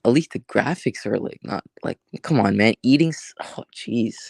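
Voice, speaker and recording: Man, gravelly low voice, livestream host, rambling with lots of fillers, dry close sound. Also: expressive, darkish tone, no echo. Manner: rambling, halting, many fillers and restarts. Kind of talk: casual livestream chat.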